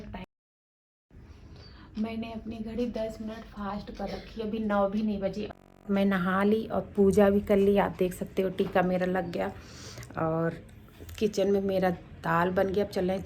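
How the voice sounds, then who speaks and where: A woman with a mid-range voice vlogs her morning at home, chatting casually as she cooks, cleans the kitchen and walks outside. She walks viewers through her chores and sometimes lowers her voice so the neighbours aren't disturbed. There's slight background noise.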